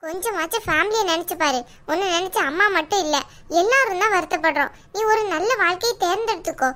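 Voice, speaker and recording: A woman's voice: very high-pitched, quick pace, bright, forceful tone. A woman voicing a worried young married village woman in a cartoon, pleading and scolding her sister. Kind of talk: cartoon dialogue.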